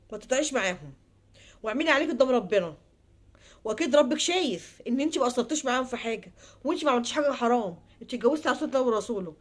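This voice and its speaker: This Egyptian woman talks quickly in a high voice. She pleads and repeats herself, and her words sometimes fade into quiet murmurs. It sounds like a personal vlog that moves into advice. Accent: Egyptian Arabic. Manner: pleading, repetitive, trailing off into soft murmurs. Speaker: advice vlogger. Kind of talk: heartfelt personal monologue and advice.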